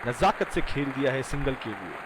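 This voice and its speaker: Guy calling cricket shot by shot, lively swings in pitch, noisy crowd behind. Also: normal speed. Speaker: cricket commentator. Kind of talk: play-by-play cricket commentary. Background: crowd noise.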